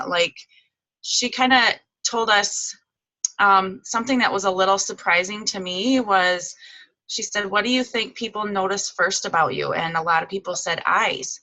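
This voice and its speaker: A woman with a bright, forward voice recaps a weekend of tips over a video call, chatty and informal, with plenty of "um" and "like" fillers. Her voice sits at an ordinary middle pitch. The sound is dry and close, with almost no room around it. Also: no echo, low-quality recording. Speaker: guest speaker. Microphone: video call microphone.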